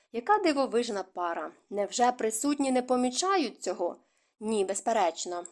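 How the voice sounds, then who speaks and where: A woman reads a novel aloud as an audiobook narrator. Her telling is measured and even, scripted narration at a steady middle pitch.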